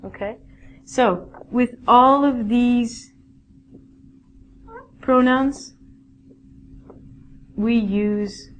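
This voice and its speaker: A woman's voice: fairly high pitch, drawn-out words, long pauses, a little hiss or hum. A woman teaching a basic English grammar lesson, patiently explaining rules and reading out example sentences.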